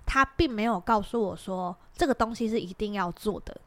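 A woman's voice: mid-range voice, fairly quick, dry recording. A young woman with a Taiwanese Mandarin accent, telling a workplace story on a podcast and acting out the people in it. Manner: animated storyteller, acts out quoted bosses, laughs often. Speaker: podcast co-host. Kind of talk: casual chat, storytelling.

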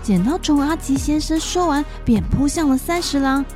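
High, bright woman reading to a toddler. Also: lively intonation, normal speed, soft background music. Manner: talks to small children as if reading to a toddler. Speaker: children's storyteller. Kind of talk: narrated children's story and quiz.

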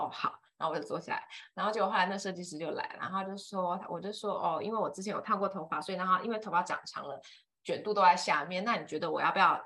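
A woman's voice: medium pitch, pushed and bright. A woman, co-hosting a casual chat and telling a rambling story full of fillers. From Taiwan. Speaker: podcast co-host.

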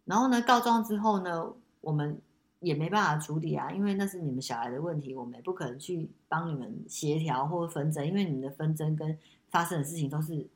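Woman, podcast host, mother, low voice, fast talker, anecdotal storytelling, casual chat. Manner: lively anecdotal storytelling with many restarts.

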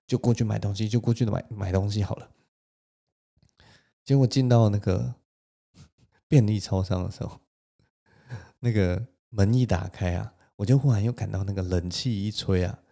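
A man with a Taiwanese Mandarin accent, telling a story on his own podcast in a lively way and laughing now and then. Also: fairly low pitch, vocal fry. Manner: animated, laughs between lines. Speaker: podcast host. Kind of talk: solo storytelling.

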